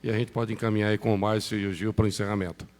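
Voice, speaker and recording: A man with a Brazilian accent from Paraná, moderating a public hearing with quick, offhand asides. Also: on the low side, flat delivery. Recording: reverberant chamber, off-mic.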